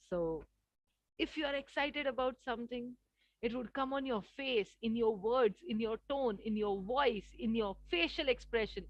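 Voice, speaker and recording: A woman with an Indian English accent leads a communication workshop, her voice a little high and recorded dry and close. She talks expressively and acts out contrasting voices for her examples, as if speaking to an online session. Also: no room sound, lo-fi sound. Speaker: communication trainer. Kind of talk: live workshop lecture.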